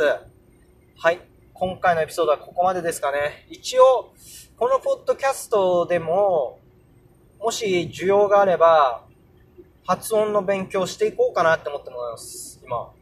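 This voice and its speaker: A man's voice: high voice, a little hiss or hum. A young man casually hosting a solo podcast, explaining English pronunciation and sounding out example words aloud. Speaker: podcast host.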